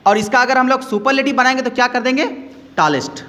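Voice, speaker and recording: A man's voice: very high voice, fast, pushed and bright, big-room sound. A man teaching an English grammar lesson, explaining patiently, repeating key words and putting questions to his students.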